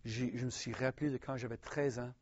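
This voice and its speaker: Earnest Québécois preacher, dry muffled sound. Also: male voice, mid-range voice, steady tone, no room sound. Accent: Québécois French. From Quebec. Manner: earnest, halting, frequent restarts. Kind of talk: personal testimony sermon.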